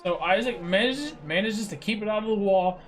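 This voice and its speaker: A young man giving live commentary on a sim-racing league race, explaining tactics in a steady, measured way. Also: sits high, faint music behind.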